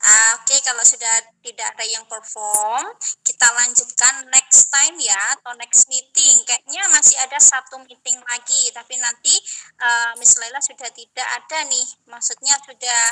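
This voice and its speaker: A woman moderating an online class in a friendly, unhurried way, calling on students by name. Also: on the high side, steady tone, sharp tone, poor audio.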